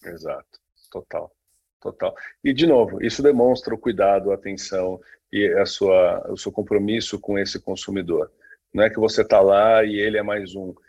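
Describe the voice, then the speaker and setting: Gravelly-voiced man chatting. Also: fairly low pitch, fairly even intonation, normal speed, a little mellow, highs cut off. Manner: many fillers and restarts, agreeing often. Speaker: podcast co-host. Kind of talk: casual conversation on branding.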